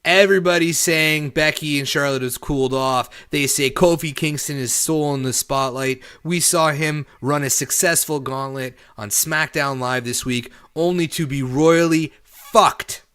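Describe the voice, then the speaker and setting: A man's voice: fairly high pitch, steady tone, normal speed, few pauses, sharp tone, clean tone. A man co-hosting a wrestling podcast, chatting casually and opinionatedly, repeating points for emphasis. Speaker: podcast co-host.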